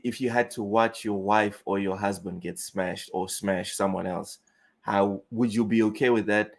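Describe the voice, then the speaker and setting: On a gaming live stream, a young Mozambican man with a lowish voice and a Southern African accent reads the chat out loud and riffs on it in a blunt, casual way.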